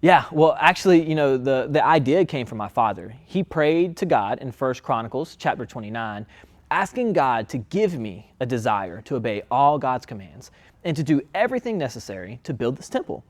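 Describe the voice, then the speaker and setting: A man's voice: mid-range voice, big pitch swings, moderate pace, natural voice. A man playing King Solomon as a laid-back, chatty guest on a talk-show skit. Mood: earnest. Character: King Solomon, adult male king, friendly and casual.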